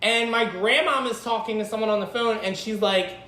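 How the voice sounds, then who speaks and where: A man from Philadelphia hosting a podcast, telling a story in animated, campy casual chat. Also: sits high, fairly quick. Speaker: podcast host. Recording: roomy echo.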